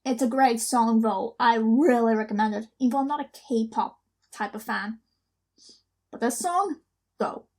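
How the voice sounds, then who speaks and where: A woman hosts a reaction video, commenting casually and spontaneously with excitable fangirl exclamations. Her voice is a little high and her pace is moderate.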